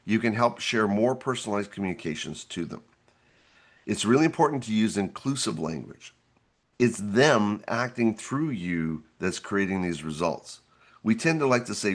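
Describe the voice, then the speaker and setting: A man with a somewhat low voice that has gone hoarse and gravelly talks through an instructional webinar. He explains each step earnestly, in a plain presenter's manner. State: hoarse, gravelly from losing his voice.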